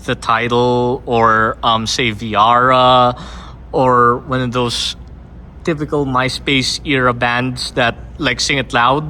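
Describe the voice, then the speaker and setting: A man's voice: mid-range voice, level tone, slow pace, bright, forceful tone, slight background noise. A male fan talking casually, earnest and hesitant with lots of ums. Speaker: fan at a meet and greet. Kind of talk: casual chat.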